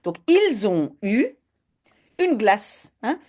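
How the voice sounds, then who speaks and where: A woman language teacher reading a children's story aloud and then explaining grammar, in a slow, expressive, explanatory way. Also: a little high, a little hiss or hum.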